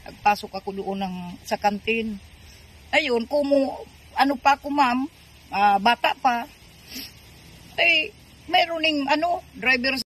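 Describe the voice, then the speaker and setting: Rambling older woman with a high voice. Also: lively intonation, fairly bright tone. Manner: halting, rambling, heavy on fillers; polite, adds po and ma'am. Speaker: interviewee. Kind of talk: casual storytelling.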